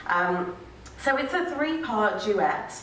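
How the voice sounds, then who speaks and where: A young spoken-word performer tells a comic piece live on stage in a small dark venue, wry and sarcastic with sweary asides, blending storytelling and dramatic reading. Her mid-range, fairly bright voice has lively intonation and a slow pace. A stand mic picks her up from a distance in an echoey room with faint noise.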